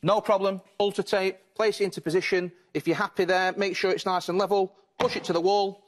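A man's voice: sits high, little pitch movement, a little fast. A British man in his thirties giving an instructive, reassuring live home shopping demonstration, step by step. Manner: instructive, reassuring, repeats set phrases. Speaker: product demonstrator on a shopping channel. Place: television studio, indoors, moving about while demonstrating.

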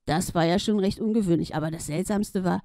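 A woman reading a children's story aloud in a playful, lively way. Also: fairly low pitch, brisk, no room sound, studio quality.

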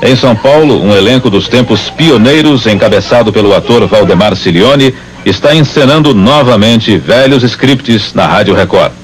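A man's voice: mid-range voice, animated, normal speed, poor audio. A man giving scripted documentary narration about past times, as the programme's narrator.

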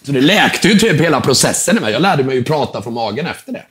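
A man, a guest entrepreneur in a casual interview, telling an animated story and acting out the dialogue, dropping in English words and the odd swear. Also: medium pitch. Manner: casual, swears now and then.

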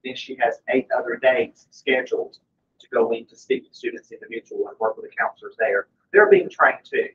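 A man's voice: mid-range voice, animated, fairly quick, creaky, fairly bright tone, lo-fi sound. A man, the school principal, giving an upbeat and informal staff update at a board meeting. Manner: upbeat, informal, many fillers. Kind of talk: status report at a meeting. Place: conference room.

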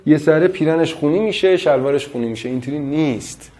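A man's voice: fairly high pitch, mellow. A man giving a classroom lecture, quizzing his students with frequent questions.

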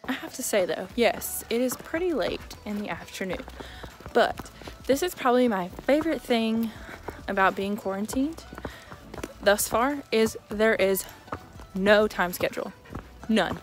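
A chatty young woman talks casually to the camera while doing her barn chores outdoors. She is self-amused and easygoing, at times talking with her mouth full. Soft music plays faintly underneath. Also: mid-range voice, expressive, unhurried, pauses often. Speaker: vlogger and horse owner.

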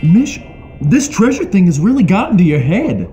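A man's voice: sits high, big pitch swings, moderate pace, dull audio. A man voicing a goofy, good-natured boyish alien puppet in a children's show, laid-back and full of childlike wonder. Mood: sincere. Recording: music behind the voice.

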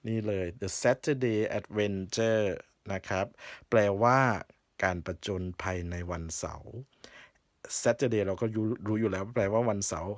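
Slow, patient man teaching reading. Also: on the low side, fairly even intonation, no echo, studio quality. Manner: reads English slowly and deliberately, then explains each phrase; patient, repeats "นะครับ" often. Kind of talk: bilingual reading lesson for learners.

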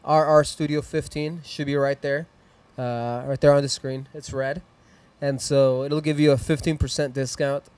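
Speaking at normal speed with few pauses, a man whose voice is a little high, a little mellow, smooth, and level in tone hosts a live music stream. He is in his thirties with a Mexican accent, in a small decorated studio room indoors. Into a handheld mic he offers rambling, upbeat chat and shout-outs, plugging his sponsors and socials.

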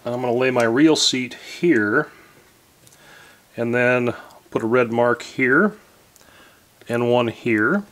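Slow and mid-range, with long pauses, a man in his forties hosts a casual woodworking tutorial from his home workshop. He rambles easily, using lots of fillers and correcting himself, captured by a camera a few feet off.

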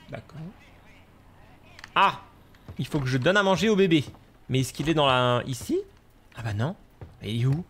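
A man giving excitable gameplay commentary, yelping and gasping at scares and scolding the game's baby. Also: a little high. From France. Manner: animated, shouts and gasps at scares, scolds the game baby. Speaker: gaming youtuber.

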